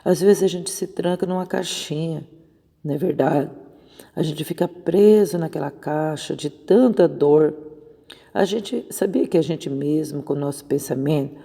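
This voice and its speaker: A woman's voice: deep voice, unhurried, gravelly, mellow, slightly rough, in a large hall. A woman missionary preaching an informal devotional on a Bible verse, conversational and often checking in with her listeners. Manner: conversational, keeps asking "né?".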